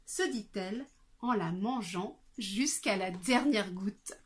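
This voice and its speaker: A woman reading a fairy tale aloud as a storyteller, in an expressive read-aloud manner. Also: mid-range voice, slow pace, breathy edge. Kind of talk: storybook narration.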